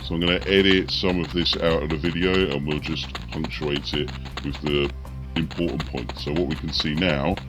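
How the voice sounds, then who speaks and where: Over music, a man with a bass voice hosts a gaming video, talking through his tactics move by move and reacting as he plays. He speaks at a normal speed with fairly even intonation.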